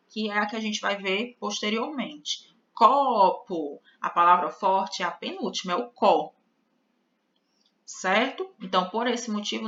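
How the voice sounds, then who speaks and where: Brazilian woman, online grammar teacher, bright tone, conversational asides, somewhat muffled recording. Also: medium pitch. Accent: Brazilian Portuguese. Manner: explanatory, addresses viewers as "gente", frequent "né?" and "ó". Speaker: Portuguese teacher. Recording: slightly dull lo-fi audio.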